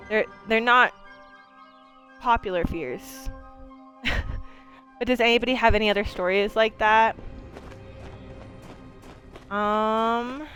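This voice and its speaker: A woman's voice: on the high side, fairly bright tone, low-quality recording. A young woman from Maine, a streamer, chatting casually and swearing freely while she plays a game. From Maine, USA. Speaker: livestreamer.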